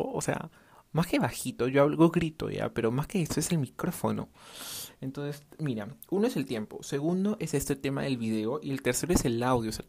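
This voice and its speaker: Medium-pitched and a little mellow, this young man's voice rambles and wanders off topic on his casual solo podcast. He owns a clothing brand and records with no proper microphone.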